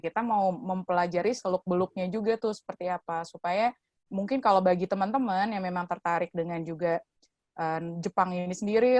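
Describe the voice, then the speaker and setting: An Indonesian woman hosts like a lecturer, explaining and asking questions conversationally. Her voice sits a bit low for a woman, and the sound is very dry with no room on it. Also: darkish tone, no room sound. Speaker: host and communication lecturer.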